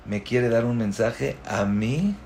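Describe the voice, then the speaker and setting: A man giving a religious lecture as a rabbi. He tells stories and swings from loud exclamations to hushed asides. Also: mid-range voice, slow. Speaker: rabbi giving a Torah talk.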